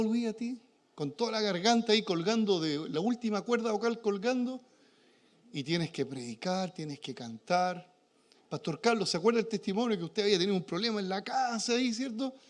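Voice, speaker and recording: A man with a Chilean accent preaching a charismatic sermon as pastor of a church, moving between shouted exhortation and quiet, joking asides. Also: high voice. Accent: Chilean Spanish. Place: church sanctuary.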